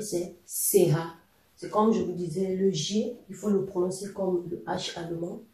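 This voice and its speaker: A language teacher giving a patient, explanatory lesson, often pausing on fillers while spelling out words and examples. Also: medium pitch, mellow, far from the mic. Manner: patient, hesitant with frequent fillers. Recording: echoey room, voice a little off-mic.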